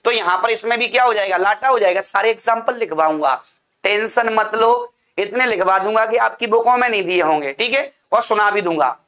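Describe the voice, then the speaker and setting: A man's voice: high voice, fairly quick, bright, forceful tone. A man teaching an online class, drilling points with repeated questions and answers and calling his students "beta".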